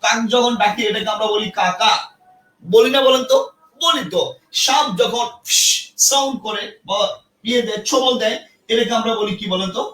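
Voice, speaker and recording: High bright guy teaching a live class, keeps quizzing viewers, echoey room. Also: moderate pace. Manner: energetic, repeats points and quizzes viewers. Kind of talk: live online grammar class. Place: indoor room with a ceiling fan.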